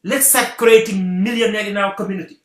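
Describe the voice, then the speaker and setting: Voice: mid-range voice, steady tone, a little fast. A guest from Senegal, giving an earnest talk on community unity and repeating rallying phrases. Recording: roomy echo.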